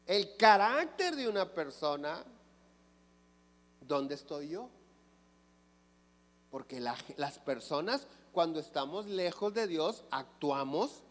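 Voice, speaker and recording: High-voiced, slow-preaching pastor. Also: male voice. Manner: asks the congregation questions and answers them himself. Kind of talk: sermon. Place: church sanctuary. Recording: long reverb of a church hall.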